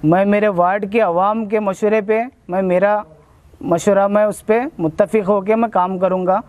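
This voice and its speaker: In a campaign interview, this ward election candidate from India repeats earnest appeals for votes, his speech formal and laced with Urdu. The voice sits high and a little mellow, with fairly even intonation and normal speed, and there's no room sound.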